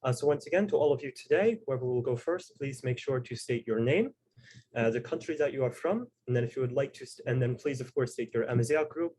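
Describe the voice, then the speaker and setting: A man hosting a video call discussion, explaining at a measured pace with frequent fillers. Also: mid-range voice, a little mellow, slightly rough. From Tuareg heritage. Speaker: host and moderator.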